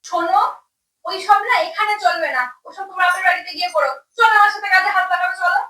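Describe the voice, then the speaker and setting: A woman's voice: very high-pitched, fairly even intonation, fast talker. A woman playing a bossy, nagging mother-in-law in a comedy sketch, scolding with a Bengali accent. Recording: roomy echo, from a distance.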